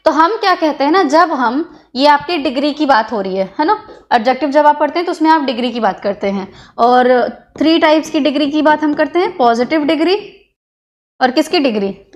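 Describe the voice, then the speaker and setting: A woman's voice: high voice, animated, normal speed. A woman teacher giving an exam-prep grammar lesson, asking questions and answering them herself, often checking in with her students.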